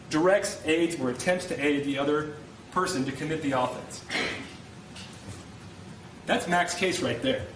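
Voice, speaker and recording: A male prosecutor with a fairly high voice argues his closing to a jury. He is passionate and insistent, hammering points through repetition. The sound is roomy, picked up at some distance from the microphone. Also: fairly bright tone. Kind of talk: courtroom closing argument to a jury. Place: indoor courtroom. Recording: roomy courtroom, distant mic, faint noise.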